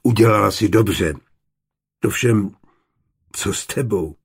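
A man's voice: medium pitch, animated, vocal fry, mellow, breathy edge. A man reading an audiobook, voicing an earnest, caring young male student. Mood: concerned. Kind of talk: audiobook character voice.

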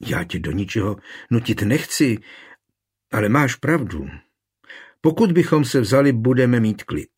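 A man's voice: mid-range voice, big pitch swings, a little mellow, breathy edge. Man voicing fretful devout village woman. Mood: hopeful. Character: anxious devout young village woman, earnest.

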